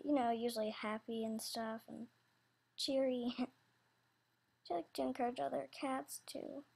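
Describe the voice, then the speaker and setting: This husky, slightly mellow female voice sits on the high side. An animator, she loosely runs through animation characters for voice auditions, rambling, hesitating and apologizing in a casual way.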